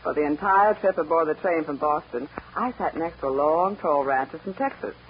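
An actress playing a brisk, earnest young Eastern woman who has taken charge of her ranch, in 1940s radio acting. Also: sits low, lightly acted. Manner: firm, decisive, earnest. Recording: dull old radio broadcast with faint hiss.

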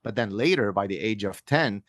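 A man's voice: lowish voice, expressive, normal speed, a bit bright, no echo, studio quality. A middle-aged man from Lebanon, a guest author, telling stories in an earnest, wry way with frequent restarts. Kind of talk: conversational storytelling.

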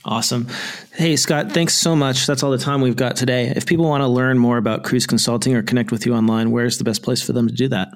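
A man's voice: mid-range voice, fairly even intonation, fast talker. A man hosting a podcast, speaking conversationally as an interviewer addressing his guest. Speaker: podcast host.

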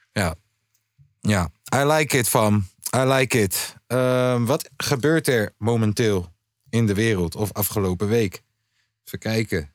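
A man's voice: lowish voice, dry recording, clean studio sound. Slangy man chatting casually. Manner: slangy, drops English words. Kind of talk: casual chat.

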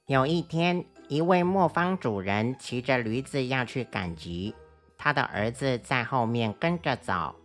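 A woman narrating a children's story in a gentle, expressive way. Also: very deep voice, unhurried, faint music behind.

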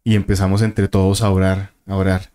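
A man's voice: sits low, little pitch movement, brisk, mellow. A man, a guest telling a vivid story and acting out the voices and sounds in it. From Colombia. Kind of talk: casual storytelling of a paranormal experience.

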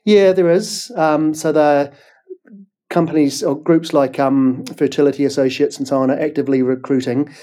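Mellow-voiced New man, fertility expert, explains with hesitant fillers. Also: on the high side, steady tone, normal speed. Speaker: fertility specialist guest. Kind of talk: interview answers.

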